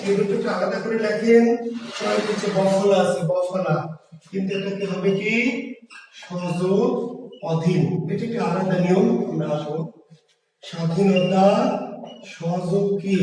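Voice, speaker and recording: A man's voice: high-pitched, a little mellow, heavy reverb, long reverb tail, distant mic, a little hiss or hum, low-quality recording. A male teacher with a Bangladeshi Bengali accent gives an online grammar lecture. He explains each point step by step and keeps asking the class questions.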